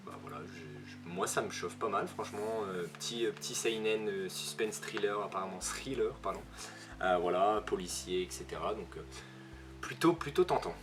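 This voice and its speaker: His voice is fairly low and a bit bright: a young man with a ch'ti accent from northern France, hosting a casual manga review video. Fillers and self-corrections pepper his speech, and music plays behind him.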